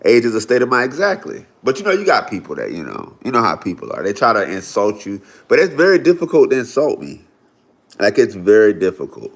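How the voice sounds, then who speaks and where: This man in his forties from Florida hosts a livestream, talking casually and chattily to viewers with plenty of "y'all" and "right?". He has a lowish voice with wildly swooping pitch and a brisk pace.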